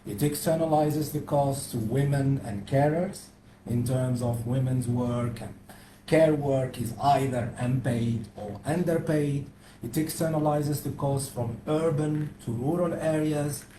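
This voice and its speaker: Guy from algeria giving a firm panel talk, mellow voice, roomy echo. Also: medium pitch, measured pace. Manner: firm, declarative. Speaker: panel speaker. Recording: echoey room, faint noise.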